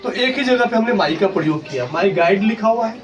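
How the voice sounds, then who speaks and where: A man's voice: high-pitched, lively intonation, moderate pace, dull audio, a crowd in the background. A male school teacher teaching a grammar lesson. He explains step by step, asks questions and answers them himself, and spells words out letter by letter. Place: school classroom. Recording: distant classroom recording with clear background noise.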